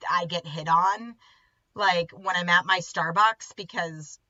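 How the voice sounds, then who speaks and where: Woman, podcast co-host, lively storyteller, bright clear tone, dry close sound, slightly dull lo-fi audio. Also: fairly low pitch, slow pace, no room sound. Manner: animated storyteller who acts out quoted lines and laughs often. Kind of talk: casual chat.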